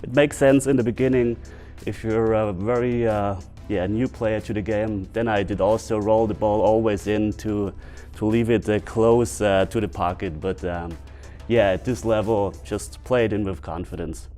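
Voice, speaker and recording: A man from Bavaria with a German accent, a native German speaker giving casual, unscripted instructional commentary as a video host, pausing to find his words. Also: fairly low pitch, fairly even intonation, dark tone. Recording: music behind the voice. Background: background music.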